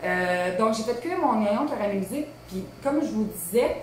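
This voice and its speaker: A woman's voice: fairly high pitch, animated, moderate pace. A Québécois woman hosts a casual live cooking demo from her home kitchen, talking in a loose, chatty way full of fillers and asides. Her voice bounces around a very echoey room, with a faint hum behind it. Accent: Québécois French. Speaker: cooking show host.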